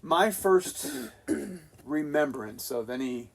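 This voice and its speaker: A man co-hosting a podcast, speaking candidly in a slow, hesitant way with a lot of pitch movement. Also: expressive, slight background noise. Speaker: podcast co-host. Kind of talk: candid conversational podcast talk.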